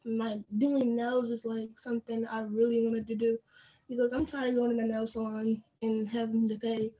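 Mellow, high, flat teenage girl. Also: moderate pace. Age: teens. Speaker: student panelist. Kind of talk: livestream panel answer. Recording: dull lo-fi stream audio.

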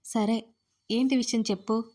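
A woman's voice: fairly high pitch, steady tone, unhurried, dark tone, lightly acted. A woman voicing a playful young woman friend who teases and hints with amusement. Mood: teasing. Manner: teasing, amused.

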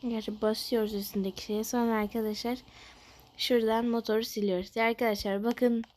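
A woman giving casual commentary on a game, chatting to her viewers and often dropping into a low murmur. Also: flat delivery, brisk, a little mellow. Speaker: gaming youtuber.

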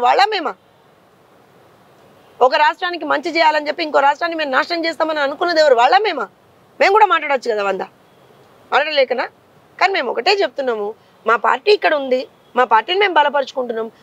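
A woman party leader, speaking with a Telangana Telugu accent in a combative interview, launches fiery, rapid rhetorical questions in a high-pitched voice. The audio sounds dull.

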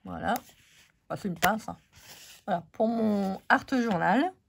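French woman, voice going hoarse, casual crafting host talking to her viewers. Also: mid-range voice, animated, a little slow, a little hiss or hum. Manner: chatty, many fillers, talks to viewers. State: losing her voice. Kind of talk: casual craft haul chat.

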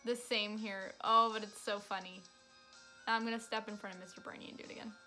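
A woman's voice: mid-range voice, level tone, fairly quick, pushed and bright, soft background music. A young woman giving casual, chatty commentary while playing a video game, with sarcastic asides. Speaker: let's play streamer.

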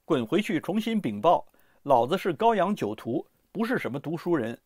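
A brash, proud male strategist from an old historical tale, gruff and blustering, as a storyteller puts him on. His voice rises high and swings widely, in a dry, close recording. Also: very animated, moderate pace, darkish tone, no room sound. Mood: indignant.

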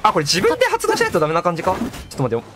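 A man doing excitable live gameplay commentary as a streamer. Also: high voice, racing. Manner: excitable, exclaiming, echoes game lines. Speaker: gaming streamer. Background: game music and sound effects.

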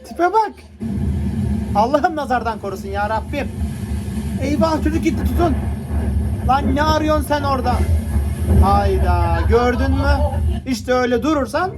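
A man's voice: very high voice, animated, normal speed, pauses often, very noisy. A man hosting a reaction video, laughing, cooing and pleading at the funny clips he watches. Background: music from the clips.

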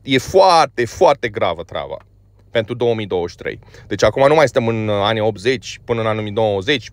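A man's voice: medium pitch, no room sound. A man from Romania giving a blunt, scolding opinion monologue about a band, full of filler words. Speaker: music commentator.

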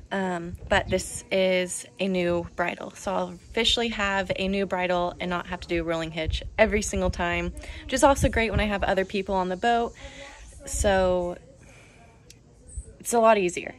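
A young woman chatting casually in her sailing vlog, upbeat and full of ums, talking to a handheld camera. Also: medium pitch. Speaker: sailing vlogger. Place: on and around a sailboat. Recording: clear background noise.

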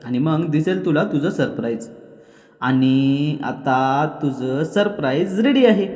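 A man's voice: fairly high pitch, lively intonation, takes it slowly, darkish tone, roomy sound, long reverb tail. A man voicing a playful young husband who teases his wife. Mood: teasing. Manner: teasing, playful.

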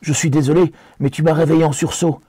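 A man's voice: a little high, little pitch movement, fast, mellow, slightly rough, dry recording, studio quality, voice pushed up. A man voicing a loyal, plain-spoken young hobbit with earnest, homely speech. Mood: apologetic.

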